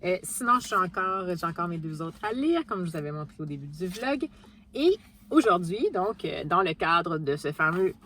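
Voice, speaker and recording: In a relaxed book vlog chat, a woman with a Québécois French accent discusses her reading, often restarting and filling pauses. Her voice is on the low side with a fairly bright tone, over a slight hiss or hum.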